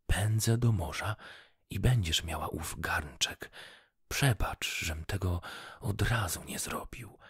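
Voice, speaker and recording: A man voicing a gentle, dreamy poor fisherman who speaks softly and pleads, lifted above his own voice. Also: low voice, slow pace, husky, no echo, clean studio sound, full character voice. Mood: pleading.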